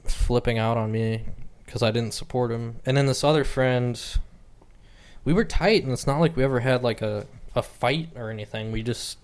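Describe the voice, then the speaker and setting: Young male podcast host, mid pitch, relaxed drawl, easygoing co-host energy. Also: normal speed. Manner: laid-back, drawling, frequent agreeing backchannels. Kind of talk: casual chat.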